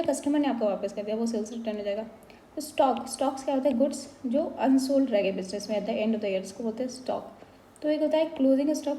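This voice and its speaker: A woman teaches basic accounting, going term by term and slipping into English phrases as she explains. Her voice sits a little high and sounds mellow. It carries a roomy echo over a faint hum of ambience. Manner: explanatory, slips between Hindi and English. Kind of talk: explaining accounting terms in a lesson.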